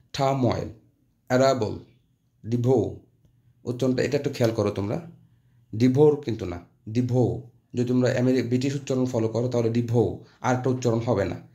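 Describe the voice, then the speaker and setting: A man teaching English grammar over lesson slides. His voice is mellow and warm, set at an ordinary middle pitch. He reads the example sentences slowly and carefully, then explains them in easy Bengali mixed with English terms.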